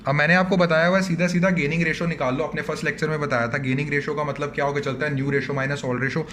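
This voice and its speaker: Racing through an online accountancy lesson, this commerce teacher speaks in a slightly high, level tone with an Indian accent over background noise. He keeps saying "बच्चों" to his students and puts their questions back to them.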